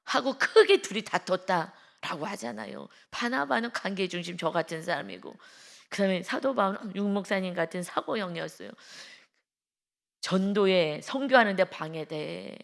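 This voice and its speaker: A woman pastor giving an early-morning devotional sermon, emphatic, swinging between loud exclamations and hushed asides and tagging phrases with a drawn-out polite ending. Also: mid-range voice, expressive, creaky.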